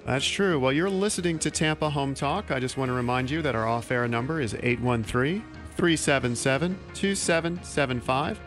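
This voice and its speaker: A man in his thirties hosting a local radio talk show in a small studio, speaking into a studio mic with quick, joking delivery. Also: mid-range voice, fairly bright tone, faint music behind. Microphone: studio mic on boom arm.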